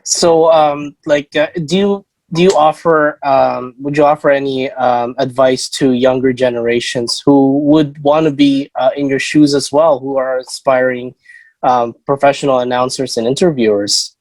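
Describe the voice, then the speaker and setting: A man's voice: mid-range voice, steady tone, normal speed, a little mellow, no echo, rough recording. A man co-hosting a casual interview, politely and hesitantly working his way into questions. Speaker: show co-host, interviewer.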